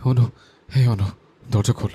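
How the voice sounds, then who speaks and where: An actor playing a hot-tempered, jealous young man in an audio drama, pleading and shouting through a door. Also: mid-range voice, steady tone, normal speed, husky, dry recording, close to an everyday voice. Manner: pleading then shouting threats.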